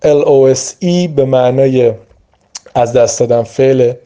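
Dark-voiced man teaching English words. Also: medium pitch, steady tone, clean tone. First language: Persian. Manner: explains slowly, stretching out example words. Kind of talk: vocabulary lesson.

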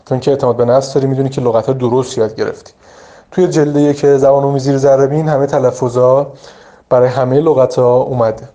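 A man talks through vocabulary study tips like a teacher addressing learners directly. His voice is mellow and warm. He explains informally and often pauses on filler sounds. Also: medium pitch. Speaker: English teacher. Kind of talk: vocabulary study advice lesson.

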